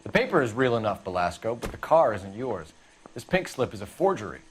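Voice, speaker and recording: An actor playing a young, hard-pressing police detective who questions a suspect forcefully in a 1940s crime game. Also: male voice, mid-range voice, very animated, brisk, background noise, lightly acted. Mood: probing. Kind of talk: video game voice acting, 1940s crime drama.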